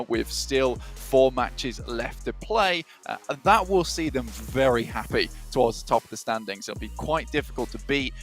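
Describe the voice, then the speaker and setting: A man's voice: mid-range voice, a bit bright. Chatty male esports caster. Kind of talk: esports commentary.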